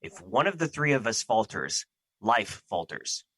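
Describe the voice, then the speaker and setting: Audio drama: male actor as an ancient embodiment of fear, grandiose and troubled, forceful edge, dry recording. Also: on the low side, big pitch swings, unhurried, no room sound, full character voice. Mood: distressed, indignant. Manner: formal, grandiose, theatrical.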